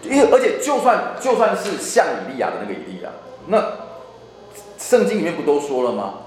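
A man's voice: fairly high pitch, wildly swooping pitch, fairly quick, darkish tone. A man teaching a church Bible class, repeating and restarting phrases as he explains. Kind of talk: Bible study lecture. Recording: echoey room, faint hum.

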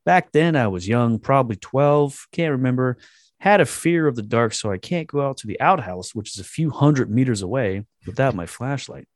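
A man's voice: mid-range voice, lively intonation, moderate pace, no echo, clean studio sound. A man co-hosting a casual chat, reading a post aloud with crude jokes and frequent laughs. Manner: crude joking, laughing often. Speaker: podcast co-host.

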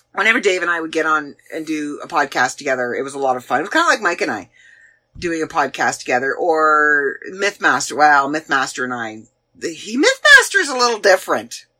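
Canadian woman, 40s, podcast host, lively pitch, bright tone, rambling casual chat. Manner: chatty, rambling, searching aloud with fillers. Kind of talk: casual chat looking back on past episodes.

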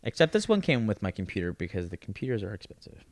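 A man's voice: on the low side, big pitch swings, no echo, studio quality. A man in his twenties hosting a podcast with friends, telling rambling stories with lots of restarts. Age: 20s. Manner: quick, rambling storytelling with restarts. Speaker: podcast host and stand-up comic. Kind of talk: casual chat.

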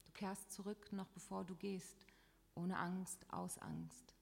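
Slow, gravelly woman reading in a hall. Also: medium pitch, very animated, darkish tone. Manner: slow, measured, list-like recitation. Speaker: author reading her text. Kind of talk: literary reading. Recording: echoey hall.

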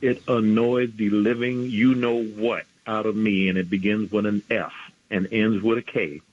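A man's voice: on the low side, flat delivery, unhurried. A man in his sixties from New York, calling in to a radio show over a clipped phone line and speaking bluntly and indignantly. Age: 60s. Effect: clipped, muffled phone line. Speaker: radio call-in caller. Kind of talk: phone-in opinion.

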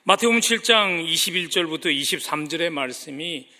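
A pastor delivers a sermon in a bright, clear voice that sits a little high for a man. He speaks earnestly, lifting his voice to stress key phrases as he addresses the congregation. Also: lively intonation, brisk. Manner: earnest preaching, rising emphasis on key phrases.

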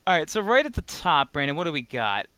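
A man hosting a casual gaming podcast, energetic and joking, laughing often. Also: on the high side, fast talker, no room sound. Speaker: podcast host.

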